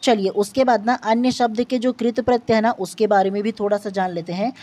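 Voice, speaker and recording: A woman's voice: a little high, steady tone, fairly quick, dark tone. Patient woman teaching Hindi grammar. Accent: Chhattisgarh. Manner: patient, repetitive explaining with tag questions. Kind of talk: exam-prep grammar lesson.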